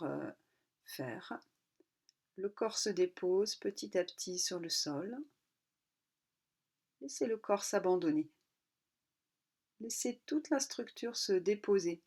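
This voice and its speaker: With a lowish voice, a woman guides a yoga nidra relaxation calmly and without hurry. She gives short instructional phrases and pauses between them.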